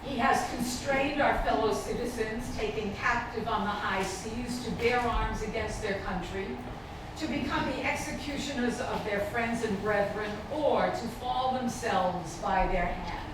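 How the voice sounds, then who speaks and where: A woman with a fairly high voice delivers a stately, measured recitation. She sounds distant from the microphone in a very reverberant space, with clear background noise. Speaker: public reader at a commemorative event. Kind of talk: formal public recitation of a historical declaration. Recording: distant, very echoey, noisy background.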